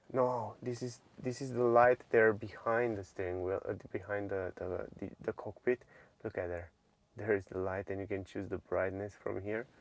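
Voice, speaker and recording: A man's voice: on the low side, dry recording. Eager man showing off a car screen. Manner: eager, doubles his praise words, many "uh" fillers. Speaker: car reviewer. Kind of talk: casual product walkthrough. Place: inside a car in a bright showroom.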